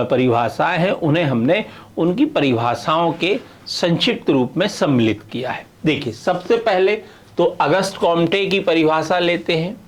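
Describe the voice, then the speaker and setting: A middle-aged man teaching sociology in a video lecture, explaining step by step and checking often that students follow. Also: a little high. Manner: explains with repeated checks like "है ना" and "clear है".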